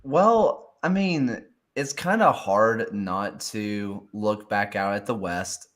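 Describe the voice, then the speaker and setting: A man's voice: fairly low pitch, slow pace, a bit bright. A man co-hosting a soccer show in casual chat, hesitant, often trailing off and restarting his thoughts.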